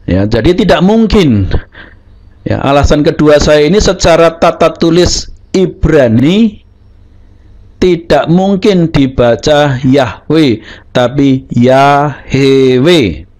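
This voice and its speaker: A man explains grammar rules at an unhurried, careful pace, his voice sitting a little high. He lingers on each example word and says it twice over, like a patient teacher. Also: animated, darkish tone, rough recording. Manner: deliberate, repeats example words slowly. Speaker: Hebrew teacher. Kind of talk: explaining Hebrew pronunciation rules.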